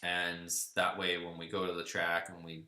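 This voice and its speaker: A man with a deep, bright, forceful voice speaks at a moderate pace with a completely flat delivery, in a reverberant room. He's the host of a car channel livestream, doing a laid-back live Q&A where he reads viewer comments aloud and riffs loosely on them.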